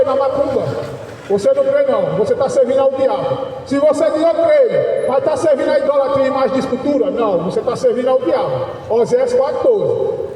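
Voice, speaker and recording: A man preaching a fiery street sermon, shouting and insisting, often tagging lines with a questioning "né?". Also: extremely high pitch, a little hiss or hum. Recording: echoey, distant, reverberant outdoor sound.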